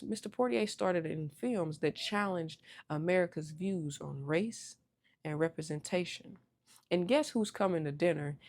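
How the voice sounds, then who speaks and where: A woman's voice: fairly low pitch, creaky, darkish tone. A woman hosting an earnest history talk, reading a script to her viewers with small stumbles and self-corrections. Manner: earnest, addresses viewers directly, honorific titles. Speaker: host.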